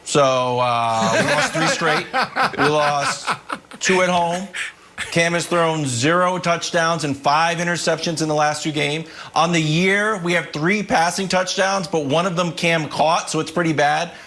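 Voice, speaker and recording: High, bright-voiced man joking animatedly. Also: a little slow, a little hiss or hum. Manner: animated, joking, laughing as he talks. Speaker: panelist, Patriots fan. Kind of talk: sports debate.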